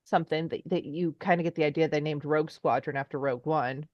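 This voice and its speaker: A woman's voice: low-pitched, fairly even intonation, fast, no room sound, lo-fi sound. A woman talking as a podcast guest in a casual chat, enthusiastic and rambling in long trailing asides.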